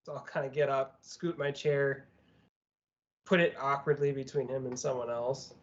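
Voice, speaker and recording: A man's voice: medium pitch, fairly even intonation, moderate pace. A man playing a tabletop game in character, chatty and joking. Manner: jokey, chatty, questioning. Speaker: player. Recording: dull lo-fi audio.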